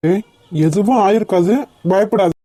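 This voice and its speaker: Calm reassuring friend, voiced by a woman. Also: medium pitch, moderate pace, no room sound, clean studio sound, natural voice. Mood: soothing. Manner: soothing, urging patience. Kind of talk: cartoon voice acting.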